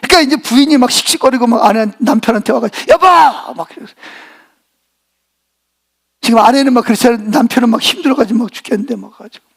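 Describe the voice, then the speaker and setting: Male pastor, animated sermon delivery, asks the congregation rhetorical questions; very high-pitched for a man. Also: rapid-fire, vocal fry, husky.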